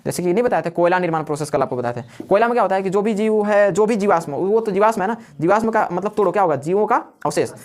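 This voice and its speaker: A man's voice: high-pitched, racing, hardly any pauses. A man teaching a live class, who keeps asking questions and answering them himself while repeating the key words. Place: classroom with students.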